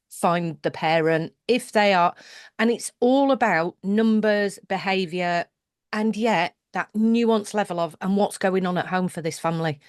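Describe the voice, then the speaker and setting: A British woman leads a conversational interview in a steady middle register. Her voice sounds dry and close, with little room around it. She thinks aloud, doubling back with restarts and asides as she builds a question. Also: medium pitch, dry recording. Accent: British English. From United Kingdom. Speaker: podcast host.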